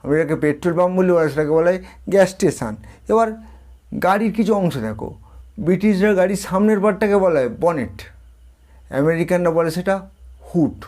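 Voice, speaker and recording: Middle-aged male tutor, slightly high pitch, repetitive quiz-style teaching. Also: a little fast, a little mellow. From India. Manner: explains each term, then repeats it and quizzes the viewer. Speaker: English tutor. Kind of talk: spoken language lesson.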